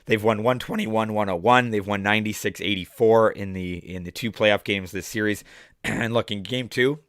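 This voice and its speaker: A man in his thirties, hoarse from the flu, hosting a chatty sports betting podcast and clearing his throat often. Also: lowish voice, fairly even intonation, moderate pace, fairly bright tone, dry recording, clean studio sound. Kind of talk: casual betting picks talk.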